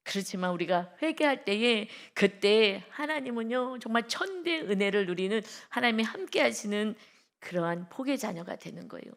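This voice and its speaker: A woman pastor preaching an early-morning sermon with emphasis, reading scripture slowly and loudly and asking her listeners direct questions. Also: medium pitch, lively intonation, gravelly. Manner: vivid sound words and direct questions to the congregation.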